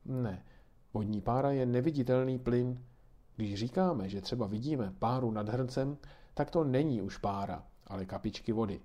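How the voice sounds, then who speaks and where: Muž hrající laskavou babičku, trpělivě vysvětluje dětem, tlumený hlas, pohádková kniha. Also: male voice, mid-range voice, muffled recording, lightly acted. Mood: patiently explaining. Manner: patient, gently explaining. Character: kindly grandmother explaining weather to children.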